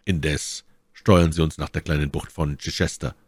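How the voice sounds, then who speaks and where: A dark, resolute young officer who speaks low, somber and measured, read by a male audiobook narrator. The deep voice sits close and dry. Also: steady tone, slightly rough, no echo. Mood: grim. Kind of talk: audiobook reading.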